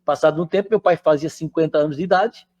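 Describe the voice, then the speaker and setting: A man's voice: a little high, quick pace, a little mellow. An older man, giving a conversational spiritual lecture and often checking in with his listeners. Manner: chatty, keeps checking in with the audience.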